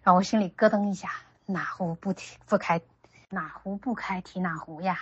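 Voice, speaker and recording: Casual: low husky mom rattling off a parenting story quick, acting out the dialogue, muffled lo-fi sound. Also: female voice. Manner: retells with quoted dialogue, many restarts. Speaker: parent sharing parenting advice. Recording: dull lo-fi recording.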